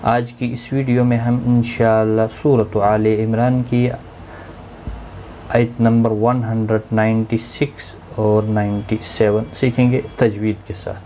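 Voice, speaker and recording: A man teaching Quran recitation rules, explaining each word in brisk, rule-by-rule steps and chanting the verses slowly. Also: on the low side, level tone, warm tone, a little hiss or hum. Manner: slow melodic Quran recitation between explanations. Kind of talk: tajweed lesson, explaining each word in Urdu.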